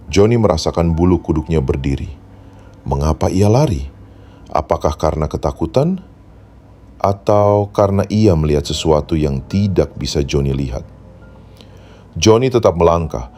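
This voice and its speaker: Very deep, dark-voiced male horror narrator. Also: slight background noise. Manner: solemn, dramatic storyteller. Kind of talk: scripted horror story narration.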